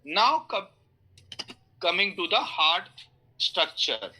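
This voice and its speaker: A man with an Indian English accent lecturing online, his voice very bright and slightly high. He explains through everyday analogies, fills pauses with "uh" and "okay", and keeps inviting students to ask questions. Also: big pitch swings, low-quality recording. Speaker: instructor.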